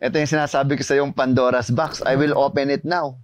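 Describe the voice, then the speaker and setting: A man with a Filipino accent, an animated and emphatic voice actor guest chatting in an interview. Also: medium pitch, fast. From Philippines. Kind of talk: casual interview chat, Tagalog-English mix.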